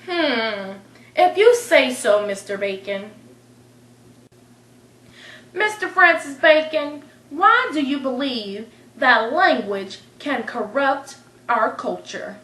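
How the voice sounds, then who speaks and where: A woman playing a probing talk-show interviewer in an amateur skit, asking slow, insinuating questions. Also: high-pitched, expressive, fairly bright tone, heavily acted. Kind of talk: amateur skit role-play. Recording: echoey room.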